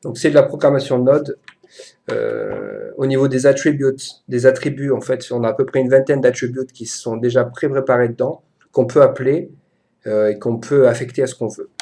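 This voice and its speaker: A man with a French accent giving a casual, chatty software tutorial to a friend, hesitant and full of fillers. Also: mid-range voice, very animated, moderate pace, vocal fry.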